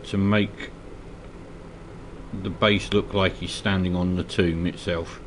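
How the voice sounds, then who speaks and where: A Scottish man nursing a slight cold narrates a miniature painting tutorial from his hobby desk. He speaks slowly in a low voice, relaxed yet hesitant, filling gaps with ums and uhs over slight background noise.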